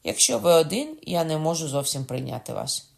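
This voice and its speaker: An audiobook reader voicing a calm, sarcastic innkeeper. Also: mid-range voice, fairly quick, gravelly. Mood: calm mocking. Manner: unruffled and sarcastic. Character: calm mocking middle-aged innkeeper. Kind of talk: audiobook character voice.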